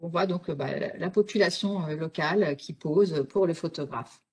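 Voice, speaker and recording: A woman's voice: fairly low pitch, moderate pace, slightly rough. A woman giving an online illustrated history talk, explaining step by step with frequent fillers and self-corrections. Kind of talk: spontaneous illustrated lecture.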